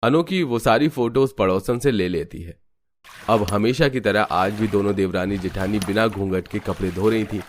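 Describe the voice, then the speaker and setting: A man narrating a cartoon story in steady, scripted storytelling. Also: fairly low pitch, moderate pace.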